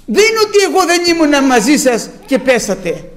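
A man's voice: extremely high pitch, very animated, pitched above the performer's own voice. A man voicing God as a stern, reproving male divine voice inside a sermon.

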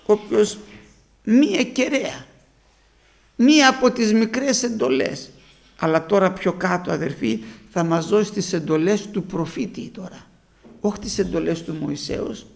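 A man preaching a sermon to his congregation, retelling conversations and swinging between soft asides and emphatic bursts. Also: sits high, expressive, creaky.

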